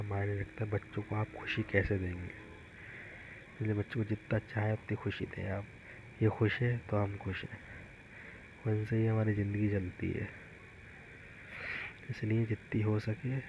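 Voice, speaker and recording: A man's voice: fairly low pitch, gravelly, background noise. A man, a father, casually narrating a home vlog about his young sons in a chatty storytelling way. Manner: chatty storytelling, retelling the kids' antics.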